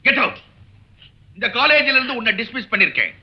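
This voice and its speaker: A furious high-voiced college principal. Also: male voice, big pitch swings, a little fast. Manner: angry, barking, mixes English commands. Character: stern hot-tempered male college principal, middle-aged. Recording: dull old film soundtrack.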